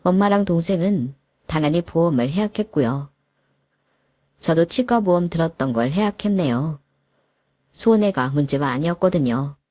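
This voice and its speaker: Low-voiced woman narrating a story. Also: animated, moderate pace, darkish tone, no room sound, clean studio sound.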